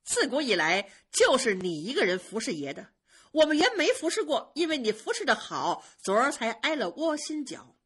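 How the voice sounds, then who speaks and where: A woman's voice: high voice, big pitch swings, normal speed, a bit bright, breathy edge, voice pushed up, full character voice. Qingwen, a woman putting on a sneering young maid. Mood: scornful. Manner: sneering, biting retorts. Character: sharp-tongued young maidservant, proud and scornful. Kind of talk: traditional storytelling.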